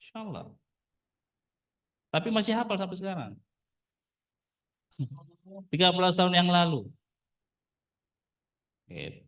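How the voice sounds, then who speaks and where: A man's voice: high voice, big pitch swings, measured pace, gravelly, long pauses, fairly bright tone, distant mic. A man in his thirties, a religious teacher, giving a casual lesson and peppering his listeners with rhetorical questions. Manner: addresses the audience as brothers. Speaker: Arabic teacher, ustadz.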